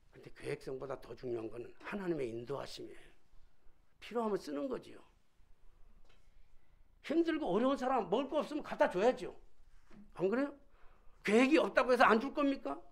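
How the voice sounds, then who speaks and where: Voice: mid-range voice, very animated, moderate pace, creaky, long pauses. A senior pastor preaching a sermon in a conversational way, full of rhetorical questions.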